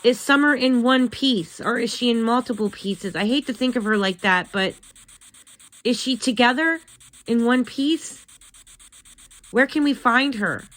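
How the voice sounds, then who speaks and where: Lady with a highish voice doing a spirit box session, chatty, softly coaxing, asking stuff casually. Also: measured pace. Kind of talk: casual one-sided questioning of spirits.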